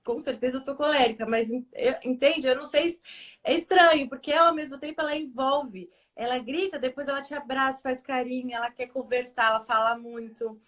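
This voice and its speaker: A woman's voice: high-pitched, a little fast, a bit bright. A woman hosting a casual conversation, chatty and thinking aloud as she talks. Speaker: host. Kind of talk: casual chat.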